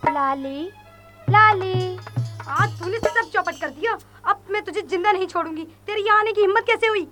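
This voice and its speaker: A woman's voice: very high-pitched, steady tone, moderate pace, over music. A woman playing a spoiled, scheming young daughter who threatens and lies to her parents. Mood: menacing.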